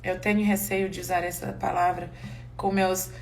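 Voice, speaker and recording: A woman who did not grow up speaking Portuguese, teaching a live online English class and talking in a candid, chatty, expressive way. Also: on the low side, moderate pace, gravelly, slight background noise.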